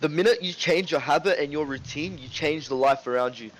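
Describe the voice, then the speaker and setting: A man co-hosting a casual podcast, talking in an animated way, swearing and often asking "right?" and "you know what I mean?". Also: a little high, a little fast, low-quality recording. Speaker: podcast co-host. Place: home room with ring light.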